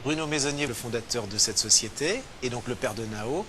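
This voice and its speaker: A man hosting a TV interview, introducing his guest and asking brisk, direct questions. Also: mid-range voice, background noise. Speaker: TV interviewer, host. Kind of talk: TV news interview.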